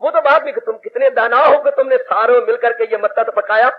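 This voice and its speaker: A man's voice: very high-pitched, a little fast. An older man giving an emphatic devotional sermon as a spiritual teacher, repeating his phrases and mixing in English words. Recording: dull lo-fi old recording.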